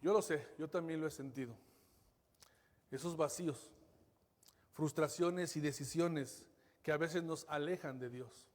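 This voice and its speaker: A male pastor preaching a sermon with fervour, his voice swelling and then falling back to a hush as he keeps addressing the congregation. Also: fairly high pitch, a little slow, pauses often. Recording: long reverberant hall.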